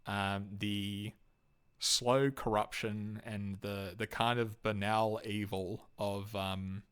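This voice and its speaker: A young Australian man giving a casual, unscripted talk on game characters, halting often with ums, uhs and restarts. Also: on the low side, level tone, a bit bright, smooth. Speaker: YouTube host ranking game companions.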